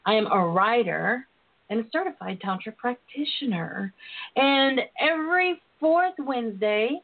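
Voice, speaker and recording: A woman hosting a talk show in a sassy, bawdy, playful way, flirtatious and free with endearments. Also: medium pitch. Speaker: radio talk show host, relationship and intimacy coach. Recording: tinny phone-line internet radio sound.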